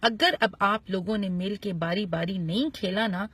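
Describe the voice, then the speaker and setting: A patient father who gently steers the children toward sharing and taking turns, as a woman puts him on in a children's story. The voice is husky and is recorded dry and close. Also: mid-range voice, a little slow, dry recording. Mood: firm. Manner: coaxing, then warning.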